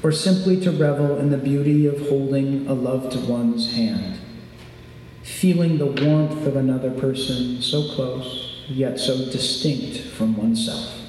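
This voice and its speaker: A man giving a reflective sermon in a large sanctuary, with measured, lyrical phrasing. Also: mid-range voice, darkish tone. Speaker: preacher. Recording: very echoey large hall, faint noise.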